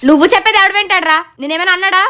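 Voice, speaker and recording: A woman's voice: extremely high pitch, bright, forceful tone, a little hiss or hum. A young woman acting in a comedy sketch, scolding and bossy as she talks to a friend. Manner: scolding, quick-talking. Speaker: comedy sketch creator and actor. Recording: music bed behind voice.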